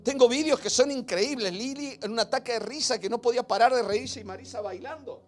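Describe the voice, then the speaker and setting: A man preaching a sermon as pastor, emphatic and questioning, with big swings between loud and hushed. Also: very high voice, a little fast, soft background music.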